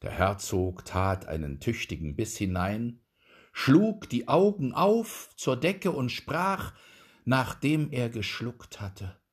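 A man narrating a fairy tale aloud in a slow, expressive storytelling manner. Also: medium pitch, breathy edge. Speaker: audiobook reader.

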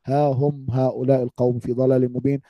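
A man's voice: medium pitch, flat delivery, fast, warm tone, no room sound, low-quality recording. A man teaching an Arabic grammar lesson, speaking emphatically and asking the class rhetorical questions. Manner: emphatic, addresses listeners as "my people", quotes scripture.

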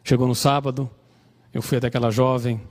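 Animated Brazilian preacher in echoing church. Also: male voice, mid-range voice, fairly quick. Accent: Brazilian Portuguese. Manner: animated, acts out the dialogue in his story. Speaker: pastor. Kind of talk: storytelling sermon.

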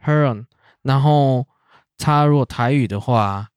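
A man's voice: mid-range voice, a little slow, a little mellow, smooth, dry recording, studio quality. A man with a Taiwanese accent chatting casually as a host, explaining things to a co-host. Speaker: podcast host running a quiz.

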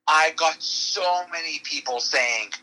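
A man's voice: a little high, slow pace, pushed and bright, rough recording. A man from Pittsburgh, a guest on a podcast, telling stories in a laid-back, casual way. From Pittsburgh, USA. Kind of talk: casual chat.

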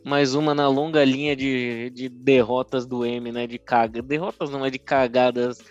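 A man's voice: mid-range voice, level tone, normal speed, muffled recording. A young adult man with a Brazilian Portuguese accent, chatting effusively and in heavy slang about music on a podcast. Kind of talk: casual music discussion.

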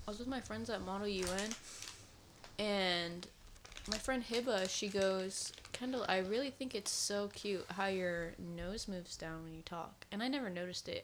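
Young female co-host, easygoing anecdote teller, medium pitch. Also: background noise. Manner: chatty storytelling, heavy use of "like". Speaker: podcast co-host. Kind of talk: casual chat.

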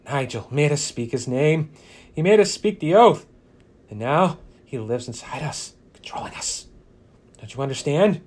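A man's voice: medium pitch, steady tone, normal speed, a little mellow, close to an everyday voice. A man voicing a crazed male cultist who rambles in a frenzy. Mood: frantic. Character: frantic crazed male cultist, young adult.

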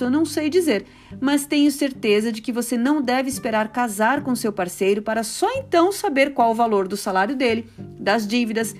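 A woman hosts a scripted personal finance podcast. Her voice sits a little high, and her delivery stays clear and measured. Soft music plays faintly beneath her. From Brazil.

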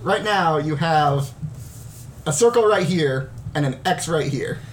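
A man's voice: fairly high pitch, lively intonation, a little slow, a little hiss or hum. A man casually narrating a tabletop game as the game master.

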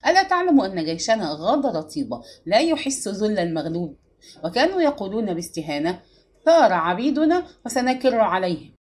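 A woman's voice: mid-range voice, sing-song, fast talker, natural voice. A haughty young princess, cold and sarcastic, looking down on whomever she addresses, as a woman narrator plays her. She speaks with a clipped disdain in a storybook reading. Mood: scornful. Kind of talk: audiobook character reading.

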